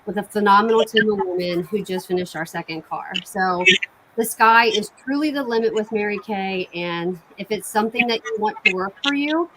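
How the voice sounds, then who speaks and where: A woman talks in a chatty, enthusiastic way, as if selling to friends on a casual live stream. Her voice sits at an average female pitch. There is clear noise and clicking on the home recording. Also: normal speed, fairly bright tone, rough recording. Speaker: cosmetics sales consultant hosting online bingo night.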